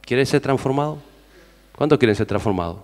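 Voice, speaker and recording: A man preaching a sermon. He swings loud exhortation to low, quiet asides and keeps asking the congregation questions. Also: lively intonation, fairly quick, big-room sound. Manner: addresses the congregation with repeated questions. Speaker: pastor.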